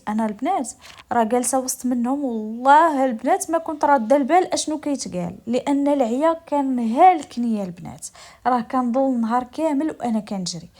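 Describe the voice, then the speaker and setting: A woman with a Moroccan accent tells a first-person story, confiding in her listeners and addressing them directly. Her voice is fairly high and a little mellow.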